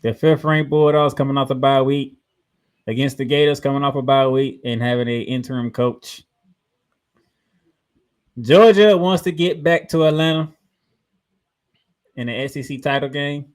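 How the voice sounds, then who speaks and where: Male American sports co-host, mid-range voice, animated delivery for college football matchup previews. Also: mid-range voice, normal speed, pauses often.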